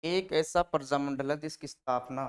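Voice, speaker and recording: A man's voice: a little high, normal speed. A male teacher giving an exam-prep lesson, repeating names and quizzing the class with memory tricks. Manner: drills mnemonics with repeated questions and answers, shifting loudness.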